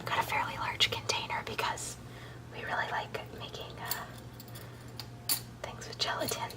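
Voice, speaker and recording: A woman hosting an ASMR recipe video, speaking in a soft, unvoiced whisper as she explains each step in a chatty way. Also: measured pace, far from the mic. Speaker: video host.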